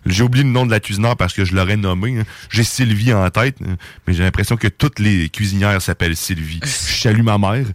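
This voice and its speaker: A man's voice: lowish voice, a little fast, few pauses, dry recording, clean studio sound. A man with a Québécois accent co-hosting a radio show, chatting with enthusiasm in slang and with many restarts. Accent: Québécois French. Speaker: radio co-host. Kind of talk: casual radio chat.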